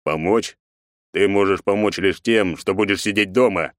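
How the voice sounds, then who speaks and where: A man playing a cold, stern emperor father who talks deliberately and growls. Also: low voice, dry recording, studio quality, lightly acted.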